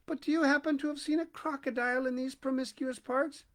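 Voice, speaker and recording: A man's voice: fairly even intonation, a little fast. A man voicing a small, polite and curious young elephant calf in a storybook. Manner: high, polite, eager.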